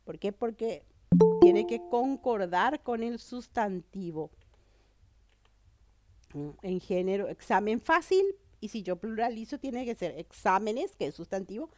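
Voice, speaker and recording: A woman's voice: mid-range voice, expressive, unhurried, darkish tone, dry recording, faint music behind. A woman teacher with a cold, explaining a grammar lesson and often checking that students follow. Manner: explanatory, checks understanding with "¿verdad?" and "¿mm?". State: has a cold.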